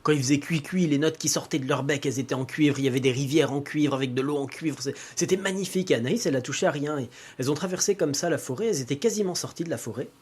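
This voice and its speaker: A man's voice: a little high, fast, few pauses, husky. A man telling a folk tale casually, with fillers and repetitions. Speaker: storyteller.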